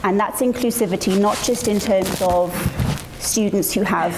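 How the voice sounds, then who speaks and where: A woman giving a conference presentation in an earnest, deliberate way, stressing and restating her points. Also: medium pitch, background noise. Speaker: panel speaker on assessment.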